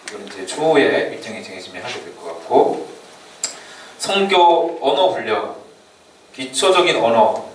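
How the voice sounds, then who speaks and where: A man gives a casual lecture to a church youth group in a very echoey room, heard from some distance away with faint background noise. He talks at an ordinary pitch, chatting freely and laughing often as he explains. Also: very animated, moderate pace, pauses often. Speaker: church youth mission trip trainer. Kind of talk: informal orientation lecture. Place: church meeting room or hall.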